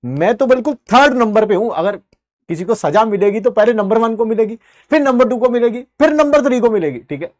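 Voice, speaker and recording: A man in his forties, a teacher, telling a childhood anecdote in an animated way. He keeps checking in with "ठीक है" and slips English phrases into his talk. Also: high voice, fairly quick, dry recording, clean studio sound. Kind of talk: anecdotal storytelling to students.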